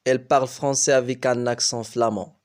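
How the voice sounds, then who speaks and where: A man who teaches French, reading a novel aloud slowly and carefully. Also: mid-range voice, fairly even intonation. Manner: slow, careful storybook reading.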